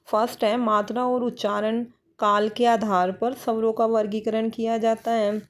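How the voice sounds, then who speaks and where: A woman teaches a grammar lesson for exam students, asking questions and answering them herself. She speaks Hindi with English words mixed in. Her voice is on the high side, level in tone, at a moderate pace.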